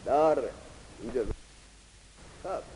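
A man teaching grammar in a classroom lecture, reading Arabic text slowly, then explaining it in Persian and putting questions to his students. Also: medium pitch, animated, dark tone, long reverb tail, slight background noise, low-quality recording.

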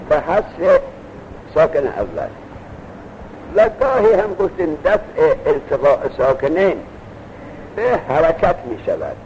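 A man with a gravelly, darkish voice on the high side lectures a classroom on Arabic grammar, posing rhetorical questions and reading texts aloud. The recording is dull and lo-fi with faint noise.

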